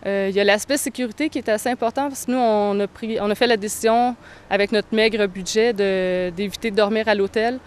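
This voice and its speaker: A young woman, answering interview questions thoughtfully, with frequent pauses. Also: medium pitch, fairly even intonation, clean tone. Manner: thoughtful, hesitant, many pauses. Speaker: touring cyclist interviewee.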